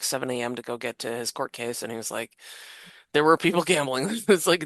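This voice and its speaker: A woman's voice: very deep voice, a bit bright, dry recording, clean studio sound. A woman co-hosting a podcast, chatting casually over a movie with friends and rambling with frequent restarts. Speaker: podcast co-host. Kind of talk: casual movie commentary chat.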